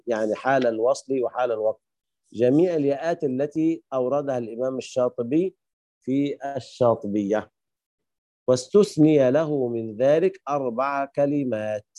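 A man teaching Quran recitation rules, slowing down to chant the quoted verses. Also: mid-range voice, mellow, no room sound. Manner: slows to chant quoted verses, mixes in Egyptian colloquial asides.

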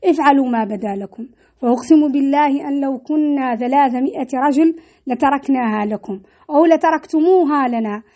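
A woman voicing a defiant, bold grown man from old Arabian history, speaking forceful declarations in a high voice. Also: brisk, natural voice.

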